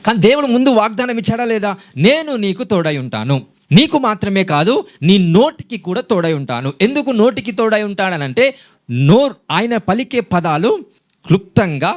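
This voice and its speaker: A man preaching a sermon, quizzing the congregation and mixing in English phrases. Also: sits high. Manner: animated preaching, quizzing the congregation, switching between Telugu and English.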